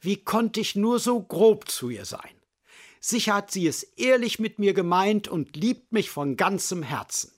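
A proud, hot-headed woodpecker suitor, voiced by a man in a raised, gruff tone that covers a hurt heart. He speaks slowly and deliberately, as in a storybook read aloud. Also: sits high, animated, voice pushed up. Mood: remorseful.

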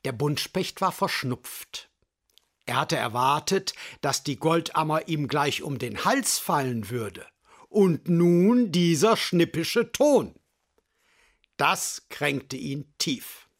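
A man reads a fairy tale aloud with a lot of expression, taking his time over every sentence. His voice sits a little higher than most men's. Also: fairly bright tone. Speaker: storyteller. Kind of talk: storybook reading.

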